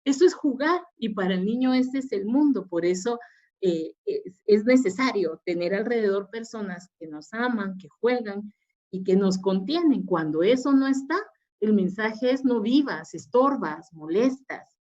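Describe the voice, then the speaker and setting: A woman's voice: mid-range voice, lively intonation, moderate pace, darkish tone. A woman psychologist giving a webinar lecture, explaining patiently with fillers and restarts. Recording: dull lo-fi webinar audio.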